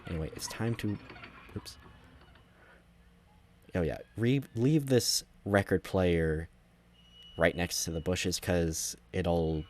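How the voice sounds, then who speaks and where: A gameplay commentator with a deep, slightly mellow voice casually talks through a game walkthrough, going slowly with long pauses. He rambles conversationally and corrects himself along the way, and there's a little hiss or hum in the audio.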